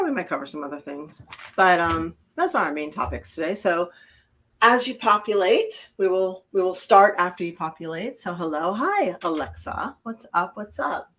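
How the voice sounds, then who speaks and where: A woman's voice: on the low side, fairly bright tone. A woman hosting a casual live stream, chatting and greeting viewers as they arrive. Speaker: host.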